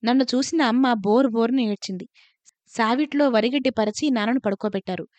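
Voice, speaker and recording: A woman reading a first-person story aloud in a calm, measured narration. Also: fairly high pitch, dry recording.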